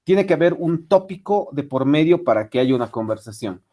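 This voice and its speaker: A man's voice: fairly high pitch, expressive, brisk, warm tone. A man giving an online English lesson, rambling with many fillers and restarts. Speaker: English teacher. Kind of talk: online lecture.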